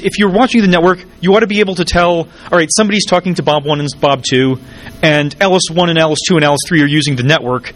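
A man giving a technical conference talk, wired on caffeine, hurried and jittery with stumbles and dry, wry asides. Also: fairly high pitch, fairly bright tone. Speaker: conference speaker.

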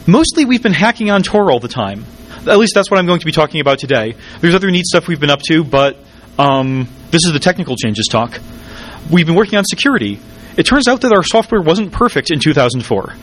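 A man giving a technical conference talk, wired on caffeine, hurried and jittery with stumbles and dry, wry asides. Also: on the high side. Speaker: conference speaker.

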